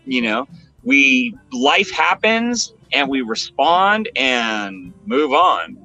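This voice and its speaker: A man's voice: medium pitch, very animated, drawn-out words, pushed and bright, faint music behind, low-quality recording. A man in his forties in a casual, laid-back chat, often saying "man" and "you know.". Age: 40s.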